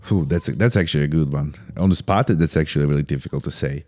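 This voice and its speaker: A man in his thirties talks in a low, mellow voice as a podcast guest. His delivery is loose and casual, peppered with "bro" and halting restarts. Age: 30s. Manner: casual, sprinkles "bro" constantly; halting restarts while thinking.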